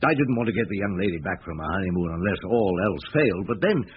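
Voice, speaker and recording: Low-voiced, brooding Inspector Maigret. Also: male voice, lively intonation, fast talker. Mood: pensive, dry. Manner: ruminative, murmuring hesitations. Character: brooding, patient middle-aged male police chief inspector. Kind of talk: radio drama acting, reflective recounting. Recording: muffled radio drama, background hiss.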